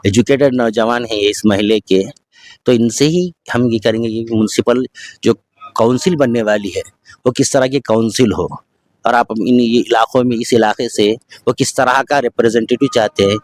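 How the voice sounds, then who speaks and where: A man reporting on a neighbourhood street, speaking. His questions run long and formal, at a middle pitch. The sound is dry and close. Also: normal speed, dry recording. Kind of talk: vox pop interview questions.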